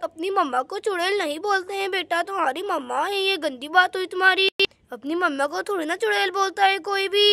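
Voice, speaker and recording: A woman's voice: extremely high pitch, bright, forceful tone, dry recording, full character voice. A woman voicing a sleepy, sleepwalking husband who coaxes and apologizes for a doll story. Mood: drowsy. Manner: drowsy, coaxing, apologetic.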